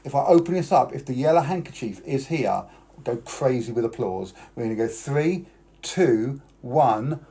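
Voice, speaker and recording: A man's voice: mid-range voice, lively intonation, normal speed, mellow. A British man performing as a children's party magician on a live stream, talking boys and girls through tricks and coaxing them to join in. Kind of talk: live-streamed kids' magic show patter.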